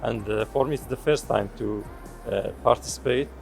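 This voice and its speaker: A man's voice: mid-range voice, normal speed, vocal fry, darkish tone. A man from Iraq, a conference attendee, speaking hesitantly with fillers. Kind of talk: vox pop interview. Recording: music bed underneath.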